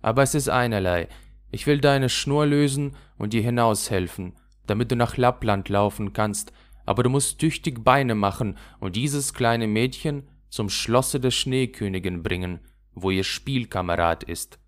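A man's voice: mid-range voice, unhurried, natural voice. A man voicing a wild, bossy little robber girl in a fairy tale, with a fierce, teasing manner.

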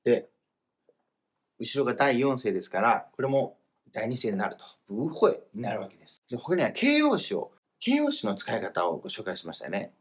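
A man teaching Chinese grammar in a casual, explanatory lesson, slowing down for the example phrases. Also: mid-range voice, big pitch swings. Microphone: voice message recording.

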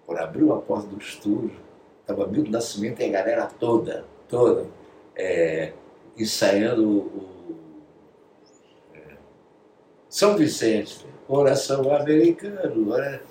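This Brazilian guest speaks with a fairly low voice at a measured pace, pausing often while sharing studio stories in a relaxed interview. He brings the tales to life by acting out what people said and lowering his voice to whispers. The recording has echo, a distant microphone, and a bit of background noise.

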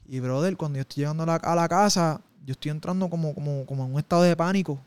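Man, interview guest, emotional testimony, slightly high and dry-sounding. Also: fast talker, darkish tone, smooth, no room sound. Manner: intense, emotional storytelling with street slang. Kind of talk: personal testimony in conversation.

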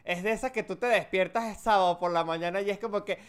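Man, Venezuelan Spanish accent, casual podcast chat, animated storyteller, smooth clear voice. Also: high voice, fast talker. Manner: animated storytelling, acts out quotes. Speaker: podcast co-host.

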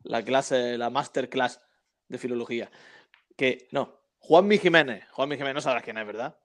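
A man's voice: medium pitch, normal speed, fairly bright tone. A man co-hosting a casual football chat, telling anecdotes and often tagging his sentences with questions. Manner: chatty storyteller, frequent tag questions. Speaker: podcast co-host.

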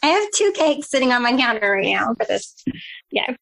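A cheerful woman in her thirties with a soft Southern accent co-hosts a casual podcast and laughs often. Her voice sits fairly high. The sound is dry, with no room to it. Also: big pitch swings, normal speed, creaky, no room sound, low-quality recording. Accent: Southern American. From Eastern North Carolina. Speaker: podcast co-host. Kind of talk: casual chat.

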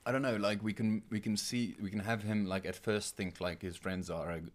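A man's voice: on the low side, fairly even intonation, brisk. A man co-hosting a podcast, brainstorming a story in casual chat, rambling and often restarting his sentences. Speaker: podcast co-host.

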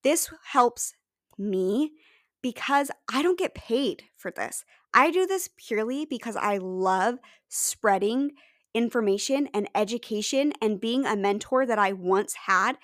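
A woman's voice: on the high side, expressive, unhurried. Upbeat, chatty woman podcast host. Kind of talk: casual solo podcast talk.

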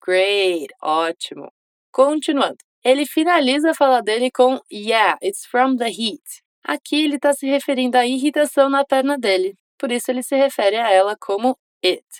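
A woman's voice: high-pitched, smooth, dry recording. Encouraging woman teaching English. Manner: encouraging, models English phrases slowly for repetition. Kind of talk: scripted language lesson.

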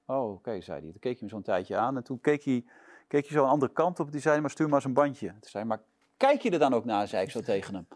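A man tells a story at a quick clip, his voice jumping up whenever he acts out someone shouting. He sits as the guest in an interview and keeps the tale rolling. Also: mid-range voice. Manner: lively storyteller acting out shouted quotes. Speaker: interview guest, sports presenter. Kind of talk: animated anecdote telling.

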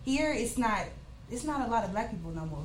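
A woman in casual talk, speaking fast and animated and sliding over her words. She sits back from the mic in an echoey room. Steady background noise runs underneath her. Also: fairly high pitch. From Tennessee, US. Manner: animated, quick, full of likes and fillers. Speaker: interviewer and guest. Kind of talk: casual group chat. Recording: roomy, distant, noisy ambience.

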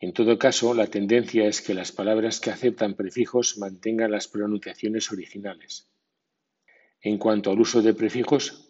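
A man narrating a scripted pronunciation lesson, slowly spelling out prefixes and reading example words. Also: fairly low pitch, dark tone, husky, lo-fi sound. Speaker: English pronunciation teacher.

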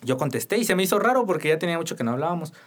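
A man's voice: fairly high pitch, very animated, very fast. Young Mexican man, rambling storyteller. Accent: Mexican Spanish. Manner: rambling storytelling with frequent fillers. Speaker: radio podcast co-host. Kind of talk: casual chat.

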